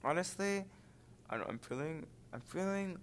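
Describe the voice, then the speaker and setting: A man's voice: a little high, expressive, normal speed, a little hiss or hum. A teenage boy chatting casually, rambling and hesitant with lots of fillers. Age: teens. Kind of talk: casual chat.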